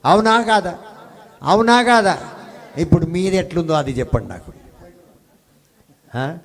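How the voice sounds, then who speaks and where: A man's voice: sits high, expressive, a little slow. A man preaching a sermon with call-and-response to his congregation, often climbing into stretched, emphatic phrases on a handheld mic. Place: healing service hall. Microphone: handheld microphone.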